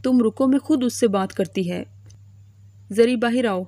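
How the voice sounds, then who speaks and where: A woman's voice: a little high, dark tone, no echo, close to an everyday voice. A woman voicing a stern old grandmother who scolds bluntly. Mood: scolding.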